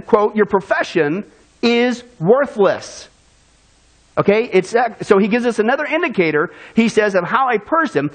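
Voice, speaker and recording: A male pastor preaching a sermon in a folksy, animated way, acting out little asides to the congregation. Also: high voice, rough recording.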